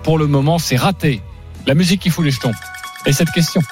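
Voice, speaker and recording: A man hosting a radio sports debate show, brisk and joking, with self-mocking asides. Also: a little high, soft background music.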